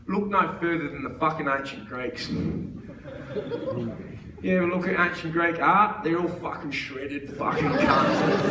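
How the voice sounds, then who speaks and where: A man with an Australian accent doing a live stand-up set on a theatre stage, ranting profanely. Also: sits high. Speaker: stand-up comedian. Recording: echoey theatre, distant mic, crowd noise.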